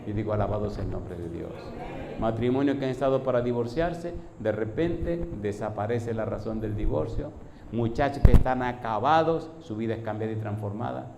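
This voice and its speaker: A man's voice: medium pitch, moderate pace, gravelly, crowd noise. A pastor preaching a sermon, telling stories and voicing the people in them, and quizzing his congregation with call-and-response questions. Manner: storytelling preacher, voices people in his anecdotes. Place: church hall. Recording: echoey hall.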